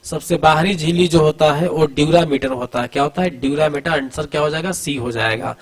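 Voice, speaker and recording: A somewhat high-voiced man teaches an exam-prep class from diagrams. He fires a question, answers it himself, then repeats it in a steady drill. He talks to his students as "beta" and keeps pushing them to answer quickly. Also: low-quality recording. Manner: addresses students familiarly, urging quick answers. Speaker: coaching teacher.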